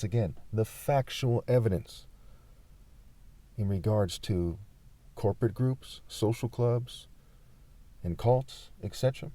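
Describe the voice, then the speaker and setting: Dark-voiced insistent man. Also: on the low side, no room sound. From California, USA. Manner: assertive, insistent, pauses often with fillers. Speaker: vlogger. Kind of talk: unscripted monologue to camera.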